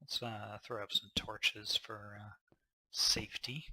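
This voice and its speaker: A man's voice: on the low side, monotone, a little slow, bright, forceful tone, slight background noise. A man casually narrating his gameplay, thinking aloud with fillers, a little tired. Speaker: gameplay commentator.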